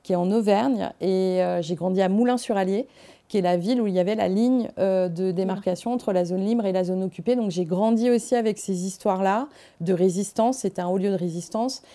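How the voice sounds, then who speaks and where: A middle-aged woman from France, a guest in a studio interview, giving earnest, measured explanations. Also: medium pitch, dark tone. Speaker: guest, war crimes investigator.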